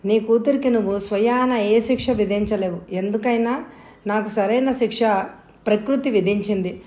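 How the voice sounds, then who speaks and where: A woman voicing a weak, guilt-ridden young daughter in an audio novel, speaking slowly and quietly. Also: medium pitch, lightly acted. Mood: subdued. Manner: slow, quiet, subdued.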